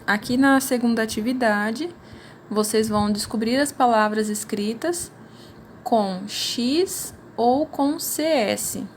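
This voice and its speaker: In a recorded class, a primary school teacher with a Brazilian Portuguese accent patiently walks through worksheets, frequently tagging "né?" onto her sentences. Her voice is fairly high and she takes her time, with a little hiss or hum in the background.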